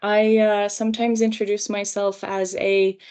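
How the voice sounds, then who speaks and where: A young woman raised in Romania and Finland, giving a measured career panel talk with frequent ums and uhs. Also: mid-range voice, little pitch movement, darkish tone, smooth.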